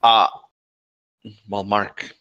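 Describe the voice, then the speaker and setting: Slow, deep-voiced male game master. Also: little pitch movement, bright, forceful tone, smooth, dry recording, highs cut off. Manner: slow, hesitant, many fillers and restarts. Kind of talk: narrating a tabletop game over voice chat.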